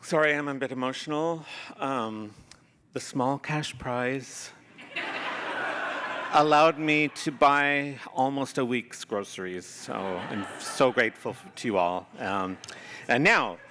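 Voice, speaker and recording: A man presenting an award in a self-mocking deadpan way, in a hall with a live audience. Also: medium pitch, slow pace. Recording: crowd and noise in a reverberant hall.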